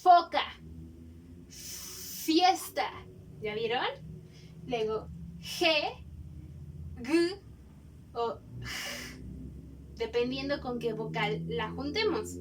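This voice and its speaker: A woman teacher, giving a phonics lesson to young children and sounding out each letter slowly and clearly. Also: fairly high pitch, distant mic, slight background noise.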